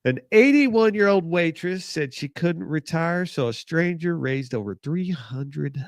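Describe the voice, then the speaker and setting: A man co-hosting a casual show in a fairly high, lively voice with a gravelly edge. He talks easily and casually, and the sound is dry and close with no room echo. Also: unhurried. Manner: laid-back, short agreeing remarks. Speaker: show co-host. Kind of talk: casual chat.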